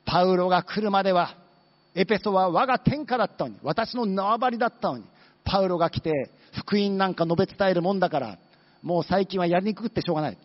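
A man preaching a sermon as a pastor, telling stories and briefly voicing the characters in them. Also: sits high. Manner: storytelling, acting out demons with quick asides. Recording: dull long-reverb hall sound.

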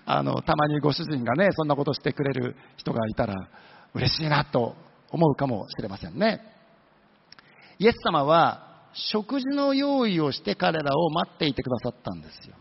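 Lively preaching man in a reverberant hall. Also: on the high side, vocal fry, breathy edge. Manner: lively storytelling with asides and humor. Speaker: pastor. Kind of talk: sermon. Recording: dull lo-fi sound with long hall reverb.

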